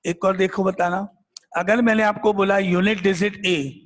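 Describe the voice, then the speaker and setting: A man's voice: high voice, steady tone, a little slow, in a large hall. A man teaching a math class, questioning and drilling his students over and over. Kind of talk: classroom lecture.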